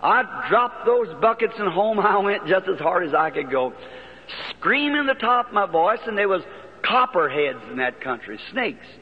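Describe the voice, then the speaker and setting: A man preaching in a high, homespun voice, full of rural turns of phrase. The old archival recording sounds dull and lo-fi. Long reverb from a large hall trails behind his words. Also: big pitch swings, normal speed. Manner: folksy, plain-spoken storytelling with rural turns of phrase. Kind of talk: sermon storytelling.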